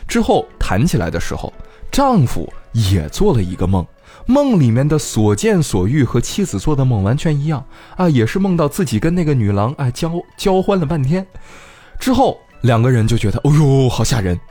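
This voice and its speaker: Animated man telling a story. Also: medium pitch, moderate pace, faint music behind. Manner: chatty, animated, addresses listeners directly. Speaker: podcast host. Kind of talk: casual storytelling podcast.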